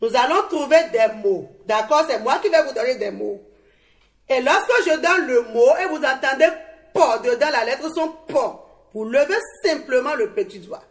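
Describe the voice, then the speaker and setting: A woman teaching young pupils on a televised lesson, speaking slowly and encouragingly in a studio classroom. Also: high voice, lively intonation. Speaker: primary school teacher.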